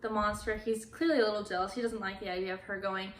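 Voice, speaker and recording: A woman's voice: medium pitch, steady tone, fast talker, a bit bright, slight background noise. A young adult woman recapping a movie in a casual, chatty way, with lots of "like" fillers. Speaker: YouTuber. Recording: roomy echo.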